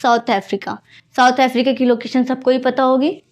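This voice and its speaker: A woman's voice: sits high, level tone, normal speed. A woman teaching an exam-prep geography lesson, mixing Hindi and English and explaining patiently with memory tricks.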